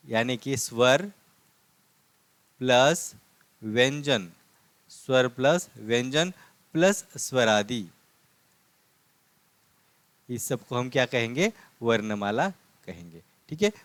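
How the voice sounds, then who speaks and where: A man's voice: medium pitch, expressive, takes it slowly, long pauses, fairly bright tone, no room sound. A man teaching a language lesson, patiently repeating points and answering his own questions. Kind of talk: classroom lesson explaining script.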